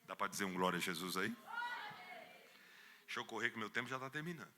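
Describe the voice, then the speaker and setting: A male pastor with a Brazilian Portuguese accent preaches a sermon in church, telling a story and acting out the voices in it, and he rises to loud emphatic peaks. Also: lowish voice, animated, fast talker.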